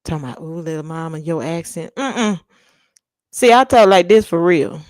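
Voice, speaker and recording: Here the young Texan host, Louisiana flavor in her speech, chats casually with viewers at a normal speed. Her fairly low voice is expressive and a little mellow, captured with studio quality and no room sound, while she laughs and tells sassy, blunt, slangy stories.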